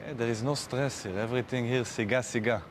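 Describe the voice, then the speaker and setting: A man, a restaurant owner from Israel, answering in halting with frequent uh fillers. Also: mid-range voice, fairly even intonation, background noise.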